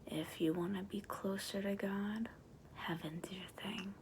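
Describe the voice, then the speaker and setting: A woman in a whispered role-play voicing a sly, persuasive she-devil, in a breathy, coaxing demonic whisper. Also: medium pitch, steady tone, measured pace, a little mellow, a little hiss or hum, close to an everyday voice. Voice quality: breathy whisper with creaky edges.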